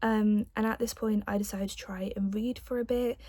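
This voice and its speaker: A woman's voice: medium pitch, fairly even intonation, moderate pace, dark tone, dry recording. A young adult woman telling a personal story in a casual, chatty vlog style, with the odd light giggle. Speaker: vlogger.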